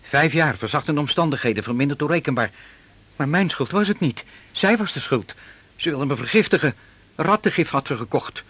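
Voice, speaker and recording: A man's voice: a little high, expressive, a little fast, fairly bright tone, slightly rough, heavily acted. An actor playing an odd, rambling male convict who reasons earnestly and stammers a little, in a radio play. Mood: earnest reasoning.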